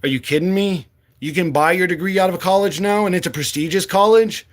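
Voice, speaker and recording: This candidate, a man in his late forties, talks fast in a high-sitting voice. His monologue is blunt and passionate, and he curses freely throughout.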